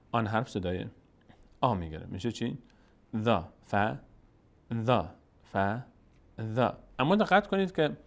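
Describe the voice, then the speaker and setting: A man with an Afghan Dari accent and a middle-pitched voice teaches Quran reading step by step. Patiently, he repeats each syllable slowly and drawn out so learners can keep up.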